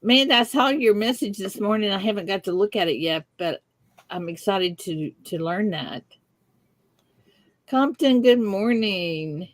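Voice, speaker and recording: This live-stream host is a middle-aged woman from Southern Texas who chats with viewers in a light, giggly, easygoing way. Her mid-range voice is expressive, and her delivery is a little slow. The recording sounds dry.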